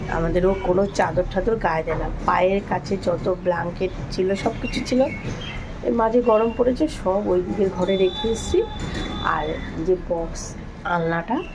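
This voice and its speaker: Middle-aged woman doing a chatty home vlog, talks to viewers like family, noisy background. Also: on the low side. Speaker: vlogger. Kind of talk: casual home vlog narration. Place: home, indoors and on a balcony.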